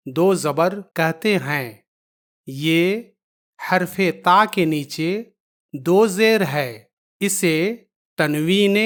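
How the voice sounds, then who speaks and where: Patient woman teacher, slightly low voice, slow and repetitive. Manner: patient, repeats each point, drawn-out letter sounds. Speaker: Quran reading teacher. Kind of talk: slow step-by-step lesson.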